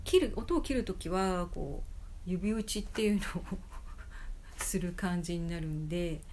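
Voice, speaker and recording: A woman flute player chatting casually to the camera about her bamboo flutes, with many fillers and soft, half-whispered asides. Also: mid-range voice, slight background noise.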